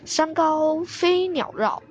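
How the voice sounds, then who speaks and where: A woman's voice: high voice, expressive, slow pace, highs cut off, pitched above the performer's own voice. Woman voicing a kindly old grandfather. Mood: delighted.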